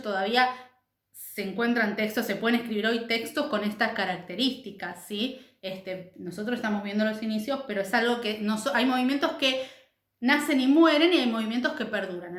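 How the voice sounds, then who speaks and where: A woman's voice: fairly high pitch, a bit bright. A woman teacher giving a recorded class lecture, explaining step by step and checking in with her students often. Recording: echoey room.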